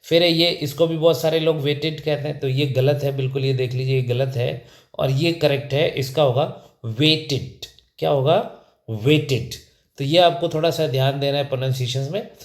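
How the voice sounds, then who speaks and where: A man's voice: medium pitch, steady tone, brisk, echoey room. A man teaching an English pronunciation lesson, often asking a question and then answering it himself. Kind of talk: spoken lesson.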